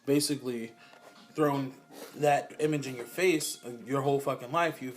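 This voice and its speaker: Young male podcast host, mid-pitched, casual and profane, laughs easily, light hiss behind. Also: steady tone, moderate pace. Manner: loose, profane, laughs often. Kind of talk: casual chat.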